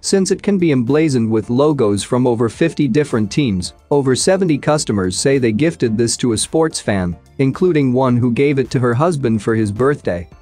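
A man with a mid-range voice reads a scripted countdown of product picks in an even, measured voice-over. Faint music plays softly underneath his narration. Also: medium pitch.

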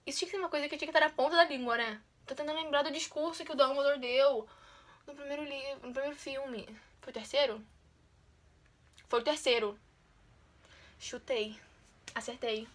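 A YouTuber with a high voice talks fairly quickly but with long pauses while taking a quiz on her channel. She chats casually, teases herself and shows a competitive, self-mocking, chatty side.

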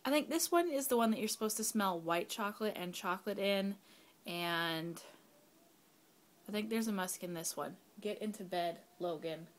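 A young woman, a mother at home, chatting casually through a candle review, rambling with fillers and sometimes dropping to a whisper. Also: mid-range voice. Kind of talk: casual product review vlog. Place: home, kids nearby.

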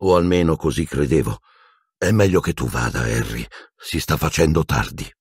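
A man voicing a kind but careful adult wizard teacher in an audiobook, calm and measured. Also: rumbling low, slightly rough, no room sound, studio quality, exaggerated voice. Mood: guarded. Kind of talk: audiobook character voice.

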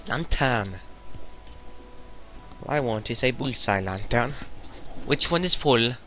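A young man commenting on his own gameplay in a casual let's-play, muttering to himself, swearing often and breaking into sudden loud outbursts. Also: mid-range voice, lively intonation, slow pace, faint music behind. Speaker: gamer narrating his play.

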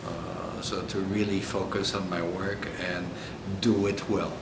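Deep-voiced French-accented man in his sixties. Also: level tone, measured pace, vocal fry, roomy sound, heavy background noise. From Egypt. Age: 60s. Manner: earnest, thoughtful, searching for words. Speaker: coach. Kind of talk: reflective interview answers. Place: indoor hotel room.

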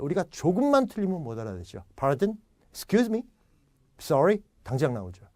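A man's voice: mid-range voice, dry recording, clean studio sound. A man giving an English lecture, acting out little example dialogues as he explains. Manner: animated, acts out example dialogues. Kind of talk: classroom lecture.

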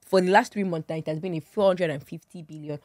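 A woman's voice: lowish voice, fast talker, a little mellow, no echo. A young Nigerian woman presenting business news in a studio chat, talking through figures with fillers and easy laughs. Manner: chatty, laughs easily, many fillers. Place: TV studio with seated guests. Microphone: studio mic on boom arm.

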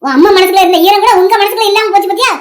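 A woman's voice: extremely high pitch, rapid-fire. A performer voicing a vengeful, scheming old village woman in a cartoon, speaking in a taunting, scolding way. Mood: scornful. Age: older. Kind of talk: animated cartoon voice acting.

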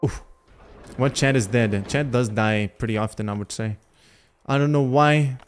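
A man's voice: mid-range voice, moderate pace, slight background noise. A man from Lithuania, casually commenting on gameplay and chatting with his viewers. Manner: chatty, thinking aloud, talks to chat. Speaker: gaming livestreamer.

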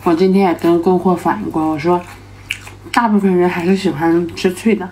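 A woman's voice: lowish voice, steady tone, fairly quick, dark tone, slight background noise. A woman vlogger chatting casually to camera while eating, talking while chewing, explaining matter-of-factly. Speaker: mukbang vlogger selling snacks.

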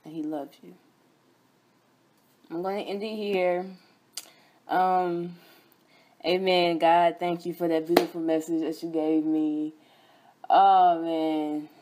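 A woman's voice: fairly low pitch, little pitch movement, takes it slowly, pauses often, dark tone, a little hiss or hum. Fervent young woman preaching. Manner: fervent, repetitive, exclamatory preaching with chanted refrains. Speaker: host and preacher. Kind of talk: energetic sermon broadcast.

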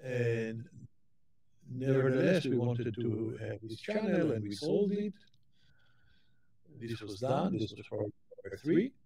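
A man speaks at a leisurely, unhurried pace, delivering a technical keynote lecture to a conference. His voice is dark and mellow. He often stops and restarts, repeating small words as he gathers his next point. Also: mid-range voice, lively intonation, vocal fry, husky.

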